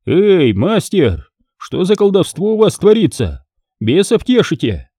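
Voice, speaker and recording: A man's voice: high voice, very animated, unhurried, dark tone, husky, dry recording, studio quality, voice pushed up, heavily acted. Guy playing a stern old monk, rebuking, a bit raised voice.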